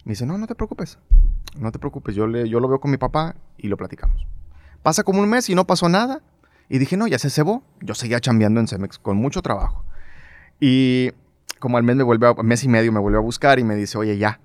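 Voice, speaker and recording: A man's voice: medium pitch, brisk, no echo. A middle-aged man with a northern Mexican accent, a broadcast journalist casually telling stories in an interview and acting out the dialogue he quotes. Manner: animated anecdotal storyteller, acts out quoted dialogue, frequent fillers.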